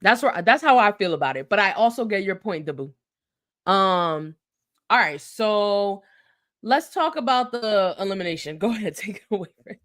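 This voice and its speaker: A woman co-hosting a reality TV recap show, chatting casually with a friend. She talks animatedly and slips into quick impressions of the people she describes. Her voice sits at a middle pitch. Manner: animated, acts out quotes. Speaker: podcast co-host.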